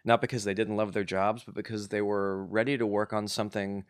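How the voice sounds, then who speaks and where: A man in his forties with a fairly low voice, chatting as a guest in a casual interview. He rambles in a relaxed way and leans on fillers like "um" and "like" as he tells his stories. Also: fairly quick, smooth, no echo, studio quality. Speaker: guest composer.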